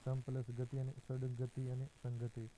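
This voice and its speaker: Slow, dark-voiced male grammar teacher. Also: medium pitch, monotone, slight background noise, rough recording. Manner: slow, methodical, fills pauses with drawn-out "a". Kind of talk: exam-prep grammar lesson.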